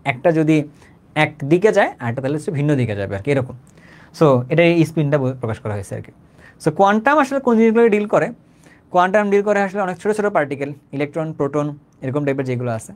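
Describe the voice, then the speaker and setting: Male chemistry tutor, brisk and casual, repeats himself and checks in with students often. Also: on the high side, big pitch swings. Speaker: chemistry teacher. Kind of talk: online lecture.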